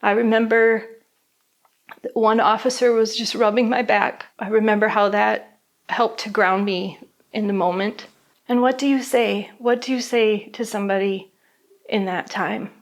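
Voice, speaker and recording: A middle-aged woman giving documentary interview testimony as a bereaved mother, speaking softly and reflectively with halting pauses. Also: mid-range voice, fairly even intonation. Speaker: bereaved mother telling her story.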